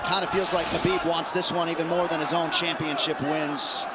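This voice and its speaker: High-pitched male play-by-play commentator, roaring crowd. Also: little pitch movement, normal speed. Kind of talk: live sports commentary. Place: arena at a live fight. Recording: loud arena crowd and noise. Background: loud crowd noise.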